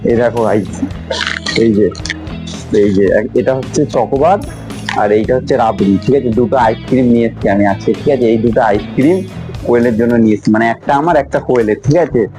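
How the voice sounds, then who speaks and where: A man's voice: medium pitch, a little fast, music in the background. A man chats casually to viewers and teasingly pesters his wife in a home prank vlog. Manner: teasing, insistent, often laughing; talks to viewers, repeating "ঠিক আছে". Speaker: prank vlogger. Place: indoors at a home.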